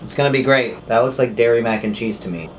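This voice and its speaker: A man's voice: mid-range voice, fast. A man hosting a casual food review, talking informally to camera and often asking himself questions as he goes. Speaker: host of a food review video. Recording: clearly noisy home recording.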